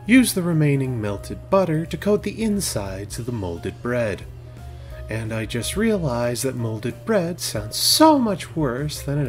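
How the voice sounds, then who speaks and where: A young man narrating a home cooking video as a voice-over, with deadpan asides and sudden bursts of exasperation. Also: mid-range voice. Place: home kitchen.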